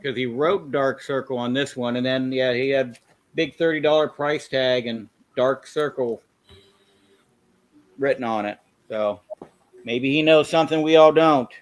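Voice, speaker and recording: A man's voice: medium pitch, fairly even intonation, a little slow. A man hosting a casual livestream chat about his comic collection, often stammering and restarting his sentences.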